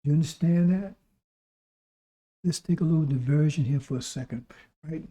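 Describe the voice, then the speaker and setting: A man delivers a sermon in a very mellow, dark voice that sits a little high. He sounds hoarse, as if recovering his voice, and exhorts listeners with repeated phrases and rhetorical questions. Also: normal speed. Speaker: preacher.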